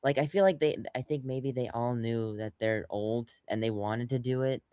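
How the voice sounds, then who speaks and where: A man's voice: mid-range voice, normal speed, warm tone, smooth, no room sound. A young man co-hosting a podcast, rambling through casual chat with lots of fillers and restarts, acting out quotes along the way. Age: young adult. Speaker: podcast co-host.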